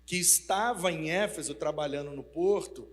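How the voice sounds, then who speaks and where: Brief: man preacher, folksy and animated, high voice, hall reverb. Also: moderate pace. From Minas Gerais, Brazil. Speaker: pastor. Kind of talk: storytelling sermon. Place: large church hall. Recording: reverberant church hall, mains hum.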